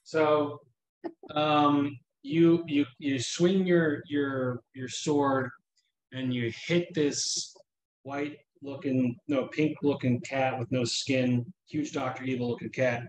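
A man narrating a tabletop game casually as game master, often halting to find his words. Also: mid-range voice, fairly even intonation, reverberant, a little hiss or hum, poor audio. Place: indoors at home, on a video call.

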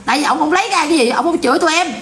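A woman's voice: sits high, racing, slight background noise. A woman with a Southern Vietnamese accent ranting bluntly and casually to her viewers in a vlog. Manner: blunt, animated, repetitive ranting. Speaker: vlogger.

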